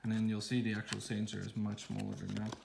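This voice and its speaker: A tech channel host with a low, gravelly voice gives a casual, rambling unboxing walkthrough at home, filming on a phone in one hand. He speaks fast in a flat, even delivery packed with "um"s and restarts, over a noisy background.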